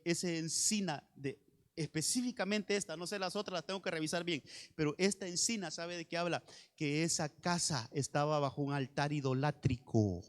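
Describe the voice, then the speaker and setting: An evangelical pastor with a Honduran Spanish accent preaches a sermon in a strikingly high voice. He exhorts his listeners directly and repeats phrases to drive his point home. The long reverb of a large hall surrounds his words.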